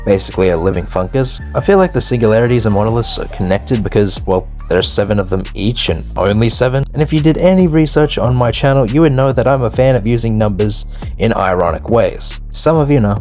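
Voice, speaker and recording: A man narrates and hosts a video with scripted yet casual, opinionated commentary, loaded with informal slang and swearing. His voice is lowish and brisk, and background music plays behind it.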